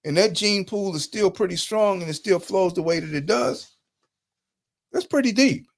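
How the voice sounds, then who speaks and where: A man's voice: high voice, normal speed, gravelly. A man hosting a live talk, lecturing over slides in a conversational, emphatic way, with speech. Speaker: host.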